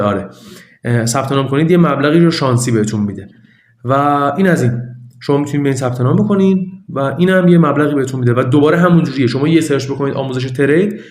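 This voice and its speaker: A man's voice: medium pitch, a little mellow, roomy sound. A man walking viewers through a website signup in a chatty, repetitive tutorial. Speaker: online money-making tutor. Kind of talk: casual screen-recorded tutorial.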